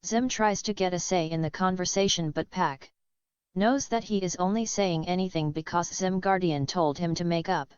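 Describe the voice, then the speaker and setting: A woman narrating a fan-made cartoon story in a plain, halting reading style, on a dull lo-fi recording. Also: on the low side, smooth, dry recording.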